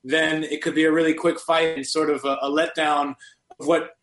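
Male podcast co-host, casual, halting delivery, higher voice, roomy echo. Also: flat delivery, fairly bright tone. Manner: halting, many restarts and fillers. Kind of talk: casual sports chat.

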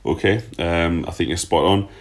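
Reading out questions sent in by listeners, a man hosting a laid-back football podcast answers them loosely and chattily, swearing now and then. His voice is low and his pace moderate.

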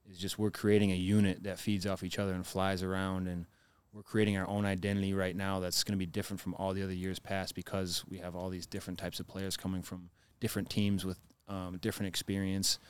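A man's voice: low voice, fairly quick, clear, resonant tone. A man, a football player, chatting casually on a podcast and telling stories with energy. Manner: animated storytelling, laughing.

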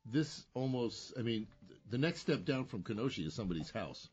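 A man co-hosting a food radio talk show, chatty and quick with jokes. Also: mid-range voice, very animated, dull audio, a crowd in the background. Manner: joking, chatty.

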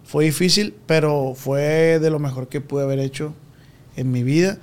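A Mexican man chatting on a podcast, his voice sitting a bit higher than most men's. He talks in a slangy, confiding way and keeps sinking into a quiet murmur. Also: steady tone, normal speed. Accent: Mexican Spanish. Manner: slangy, confiding, drops to a low murmur often. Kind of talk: casual chat.

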